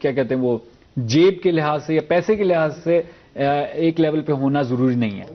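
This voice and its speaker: A man's voice: fairly high pitch, highs cut off. A man hosting a TV morning show, chatty and loose, reading viewers' names and leading into segments. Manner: chatty, with many fillers. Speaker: host. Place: TV studio.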